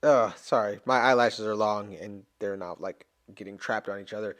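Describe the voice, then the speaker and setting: A man giving casual reaction commentary to a stage musical, animated, emotional and exclamatory, rambling as he talks. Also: on the low side, moderate pace.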